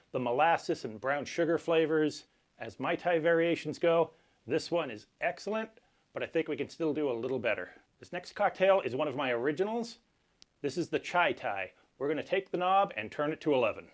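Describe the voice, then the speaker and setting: A man hosting a cocktail tutorial, explaining each step in a measured, instructional way. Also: a little high. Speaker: cocktail channel host. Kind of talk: cocktail recipe tutorial presentation.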